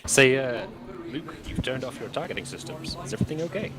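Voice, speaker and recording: A man casually chatting with friends in voice chat while playing, quick to laugh and thinking aloud with fillers. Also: mid-range voice, sing-song.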